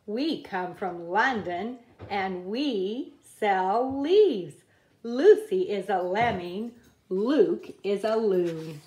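A woman reading a children's picture book aloud at a table, in a slow, careful read-aloud cadence. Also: mid-range voice, animated, mellow, roomy sound. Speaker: reader. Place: indoors at a wooden table.

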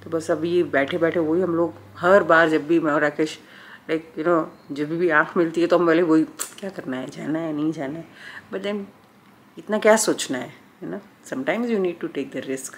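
A woman's voice: deep voice, measured pace, slight background noise. Chatty woman vlogging on her phone. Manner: chatty, thinking aloud, many fillers. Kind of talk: casual vlog talk. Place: home interior. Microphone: phone camera at arm's length.

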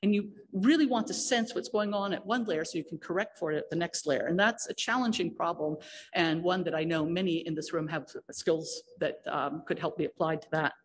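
A woman's voice: fairly low pitch, brisk, slight background noise. A woman giving a technical conference talk in a lecture hall, explaining with frequent fillers and restarts. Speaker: conference speaker.

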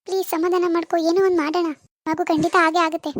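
A woman's voice: very high-pitched, flat delivery, fast talker, slight background noise. A woman voicing a worried middle-aged mother in a cartoon, soothing and pleading with her daughter. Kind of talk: cartoon voice acting.

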